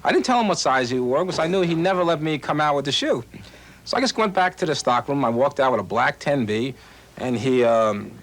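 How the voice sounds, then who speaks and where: A man's voice: mid-range voice, animated, brisk, a bit bright. A man from Western Pennsylvania, a shoe salesman, eagerly telling stories in a busy shoe store and acting out his customers. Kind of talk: interview and on-the-job talk. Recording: 1980s news film with faint ambience.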